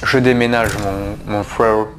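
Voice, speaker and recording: A man's voice: lowish voice, steady tone, slow pace, fairly bright tone. Chatty man narrating gameplay. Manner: chatty, addresses viewers, frequent fillers and restarts. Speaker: gaming YouTuber. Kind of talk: casual let's-play commentary.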